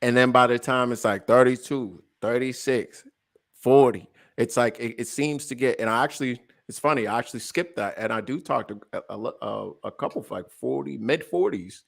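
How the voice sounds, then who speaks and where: A man's voice: mid-range voice, normal speed, vocal fry. A man in his late twenties co-hosting a podcast with a mid-range voice. He talks in a loose, joking way, tripping over his words and laughing as he goes. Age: late 20s. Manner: animated and joking, stammers and restarts, laughs often. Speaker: podcast co-host. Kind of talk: casual chat.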